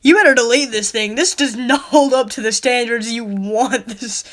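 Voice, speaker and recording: A young woman who reviews stories online, reading one aloud and breaking off with quick, incredulous questions. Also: a little high. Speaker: online story critic. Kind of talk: casual reading and critique.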